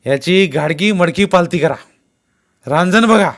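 A man voicing a harsh, bullying village police constable who shouts threats and barks orders in a read-aloud story. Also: sits high, animated, slow pace, pitched above the performer's own voice, exaggerated voice. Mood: furious bullying.

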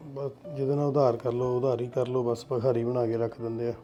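A man's voice: medium pitch, level tone, a little fast, mellow, dull audio, faint music behind, close to an everyday voice. A man acting a shopkeeper who grumbles to himself about unpaid loans. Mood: grumbling. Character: grumbling shopkeeper owed money. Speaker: shopkeeper lending money. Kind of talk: web-series family drama acting.

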